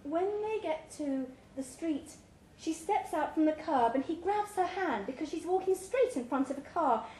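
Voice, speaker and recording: Reading a short story to a live audience in a pub's event room, this woman uses a high, warm voice and gives the dialogue real life. The recording captures the roomy space and its background noise.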